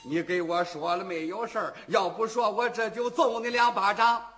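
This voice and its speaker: Brief: a male storyteller doing a loud, defiant young warrior, high and ringing. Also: fairly even intonation, moderate pace, slight background noise. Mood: threatening. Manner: booming challenge in rhymed verse. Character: brash towering young hero, loud and defiant.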